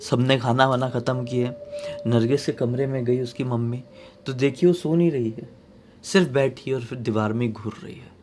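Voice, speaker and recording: A man's voice: mid-range voice, steady tone, normal speed, a little hiss or hum. Dramatic male horror storyteller. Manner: dramatic, swings from loud to hushed. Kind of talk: casual horror story telling.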